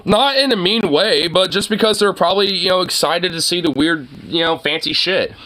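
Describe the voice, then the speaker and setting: Guy streamer ranting at a clip, lots of "like, you know", swears a lot, highish bright voice. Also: normal speed. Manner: profane, laughing, rambling with many fillers. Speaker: streamer reacting to a video. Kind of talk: casual reaction commentary.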